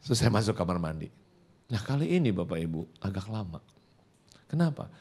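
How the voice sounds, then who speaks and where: A man's voice: deep voice, big pitch swings, brisk, warm tone, breathy edge. A male pastor preaching a sermon in a church, telling a personal story, acting out dialogues and speaking directly to the congregation. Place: church service before a congregation.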